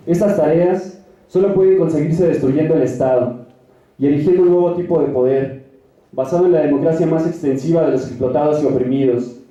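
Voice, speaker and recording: A man's voice: on the high side, fairly quick, dark tone. A young man delivering a formal, declamatory political speech as a youth activist at a rally. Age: young adult. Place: large echoing hall at a rally. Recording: echoey hall, distant mic, dull sound.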